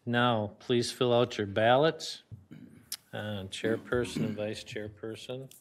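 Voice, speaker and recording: Guy running a city commission meeting in council chambers, plain, bit halting. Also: medium pitch, steady tone, background noise. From Minnesota. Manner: plain, procedural, slightly halting. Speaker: meeting chair. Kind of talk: formal meeting procedure.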